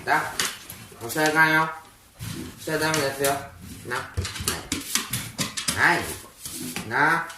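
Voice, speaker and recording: A middle-aged man with a Kansai accent, talking to and scolding his pet dog in a casual, drawn-out way. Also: a little high, background noise. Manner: slow, drawn-out scolding of a pet, half soft, half raised. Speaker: dog owner.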